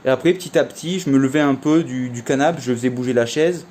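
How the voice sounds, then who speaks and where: A man's voice: medium pitch, quick pace, a little mellow, a little hiss or hum. A young man telling a casual story in a vlog, chatty and slangy, full of fillers. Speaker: vlogger.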